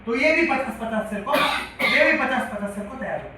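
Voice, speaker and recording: Bright high-pitched guy teaching a health class, keeps asking the crowd questions, recorded from far off in a big echoey room. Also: animated, brisk. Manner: repetitive, quizzes the audience. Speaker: health lecturer. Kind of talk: classroom-style lecture. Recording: echoey hall from far off, faint hiss.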